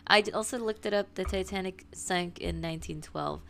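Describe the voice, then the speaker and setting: A woman co-hosting a podcast, reacting with quick quips and laughs in casual chat. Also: medium pitch, a bit bright. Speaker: podcast co-host.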